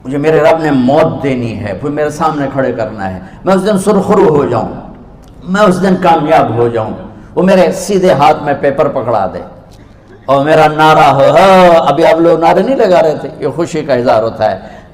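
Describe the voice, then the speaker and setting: A man's voice: a little high, lively intonation. Male preacher in an echoey hall. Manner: emphatic storytelling with sudden rises and drops in loudness. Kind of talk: sermon. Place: large hall with a live audience.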